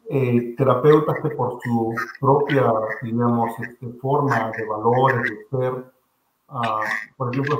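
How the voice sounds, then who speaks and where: A man's voice: mid-range voice, a bit bright. A man, hosting a conversation, hesitant with frequent fillers. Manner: hesitant, many fillers like 'este'. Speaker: host. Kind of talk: interview conversation. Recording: roomy with noticeable noise.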